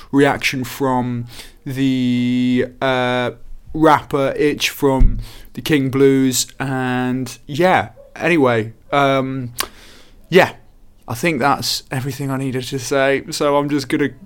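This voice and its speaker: A man's voice: medium pitch, smooth. A man hosting a podcast in casual chat, rambling and self-mocking with lots of fillers. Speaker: podcast host.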